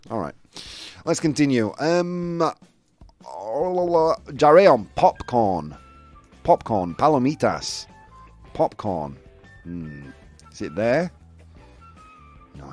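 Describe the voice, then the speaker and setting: A man's voice: lowish voice, takes it slowly, pauses often. A British man hosting a casual livestream game and reading out viewers' answers in a chatty way. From United Kingdom. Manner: chatty, reads viewer answers aloud, animated. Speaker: show host. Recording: faint background music.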